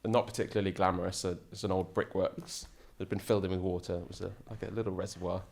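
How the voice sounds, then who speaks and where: A man's voice: sits low, little pitch movement, fast talker, a little mellow, a little hiss or hum. A man, a guest chatting enthusiastically in a casual interview and often restarting his sentences. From England. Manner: enthusiastic, rambling with frequent restarts. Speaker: podcast guest, ocean sailor.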